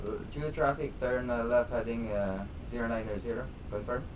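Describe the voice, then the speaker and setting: A man's voice: mid-range voice, normal speed, noisy background. A man speaking as a pilot on a cockpit headset, giving clipped radio calls and takeoff callouts with small hesitations. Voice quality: clipped aviation phraseology with hesitations. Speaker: pilot in a flight simulator.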